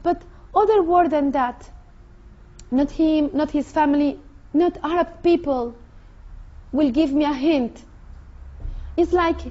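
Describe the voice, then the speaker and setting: High-voiced Mexican woman, earnest testimony. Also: warm tone, highs cut off. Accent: Mexican Spanish. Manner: earnest, halting, with frequent restarts. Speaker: convert sharing her testimony. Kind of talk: personal testimony.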